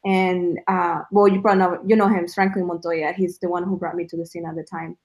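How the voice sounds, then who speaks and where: Speaking at a quick pace in a level tone, the woman has a fairly low pitch. She comes from El Salvador, Spanish is her first language, and she's a guest recounting her faith in a casual testimony chat, reflective and sincere, with frequent fillers.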